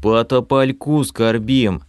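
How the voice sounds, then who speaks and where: A man's voice: mid-range voice, big pitch swings, a little mellow, no echo, clean studio sound, pitched above the performer's own voice. A man voicing a grieving bald male elf who drags out his words and rambles. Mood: mournful. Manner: mournful, drawn-out and tuneless.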